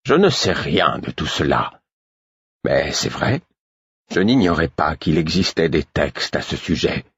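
A man voicing an older male mentor who speaks patiently and wearily, in a measured way. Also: extremely low pitch, expressive, fairly bright tone, slightly rough, dry recording, full character voice. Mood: calm.

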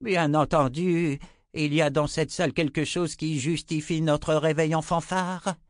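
A man voicing a grumpy old wizard who blusters and complains, high-pitched and loud. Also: fairly even intonation, dry recording, studio quality, close to an everyday voice. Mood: cranky, indignant. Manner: cranky, exclaiming, quick to complain.

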